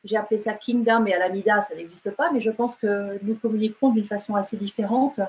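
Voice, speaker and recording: A woman's voice: medium pitch, steady tone, quick pace, darkish tone, slight background noise, poor audio. A woman novelist talking casually in an interview, hesitant, with many fillers and restarts. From France and Britain. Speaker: novelist guest.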